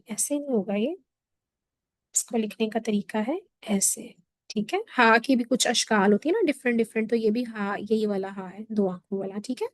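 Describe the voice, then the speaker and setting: A woman teaching Quran recitation in an online lesson. She explains each point patiently, checks in often with a quick question, and sounds out letters in slow drawn-out syllables. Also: fairly high pitch, dry recording.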